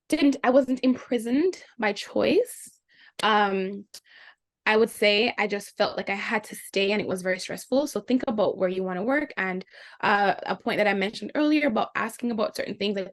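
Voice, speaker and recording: A young Jamaican woman, a guest in a casual interview, telling her experiences in an animated way, her pitch leaping up for the reactions she quotes.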